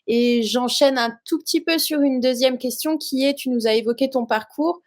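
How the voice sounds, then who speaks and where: A woman hosts an interview in a high, light voice. Her questions are long and winding, chaining one into the next in a casual, chatty manner. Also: moderate pace, a little mellow. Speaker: interview host.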